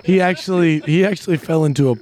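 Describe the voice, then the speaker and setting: A man's voice: fairly high pitch, fast talker, a crowd in the background. A man hosting a casual local podcast, talking animatedly and laughing often. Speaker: podcast host. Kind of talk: casual chat. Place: small studio.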